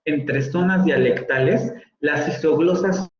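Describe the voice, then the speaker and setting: A man with a fairly high voice lectures on pronunciation over a video call, explaining patiently and sounding out words as he goes. The room sounds roomy and the audio a bit dull, with faint hiss behind. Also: slow pace. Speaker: university phonetics teacher. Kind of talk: online lecture.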